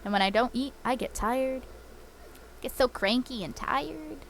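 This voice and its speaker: A woman's voice: high voice, measured pace, slight background noise. A woman playing a video game and chatting casually as she plays, giggling often. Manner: chatty and giggly, lots of fillers. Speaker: let's play host.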